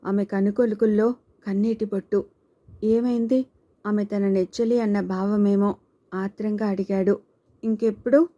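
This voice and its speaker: A woman narrating a novel as an audiobook, with a measured, literary reading. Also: medium pitch, level tone, dark tone. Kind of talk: scripted narration.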